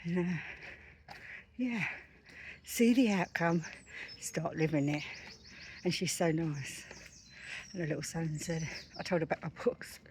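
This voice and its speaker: A woman's voice: low voice, a little slow, pauses often, a little mellow, slight background noise. Chatty middle-aged woman outdoors. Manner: chatty storyteller, retells conversations. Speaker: self-help author. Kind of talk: casual walking vlog. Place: outdoors on a street.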